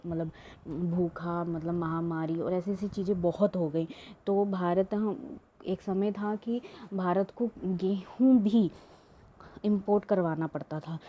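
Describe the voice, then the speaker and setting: A woman's voice: on the low side, highs cut off. A woman teaching an exam-prep lesson, reading questions aloud and explaining them with many fillers and restarts.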